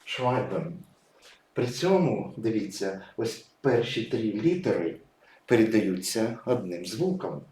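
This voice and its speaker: A male teacher explains English spelling and sound step by step, his pitch rising and falling a lot as he leans on each example word. The room is echoey, with a faint hiss behind him. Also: sing-song, takes it slowly, darkish tone. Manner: patient, explanatory, stresses example words. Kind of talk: explaining pronunciation at a whiteboard.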